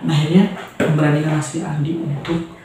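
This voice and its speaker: A man with a slightly high voice tells a horror story in a relaxed, chatty way, often checking in with his listeners. His voice sounds far from the mic, in a very echoey room with a faint hiss behind it. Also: a little fast. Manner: chatty, keeps asking "ya kan?" and addressing "guys".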